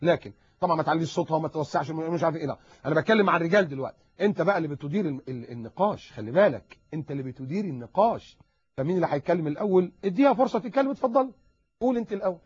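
A man with an Egyptian accent giving a lively religious advice lecture, talking animatedly and acting out little dialogues. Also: on the high side, slightly rough, no room sound. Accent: Egyptian Arabic. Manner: animated, acts out dialogues, rapid repetitions. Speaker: preacher. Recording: dull lo-fi recording.

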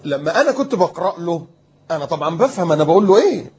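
A man's voice: on the high side, very fast, breathy edge, highs cut off. A man in his fifties with an Egyptian accent, a preacher telling his story in an interview and acting out what people said to him. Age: 50s. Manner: lively storyteller who acts out remembered talk. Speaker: preacher and guest.

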